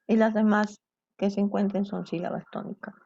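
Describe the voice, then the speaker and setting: The teacher here is a woman whose medium-pitched voice is creaky and warm, level in tone and moderate in pace. She walks students through grammar step by step, checking in with "¿cierto?" and "¿bien?", in a dry, dull lo-fi recording.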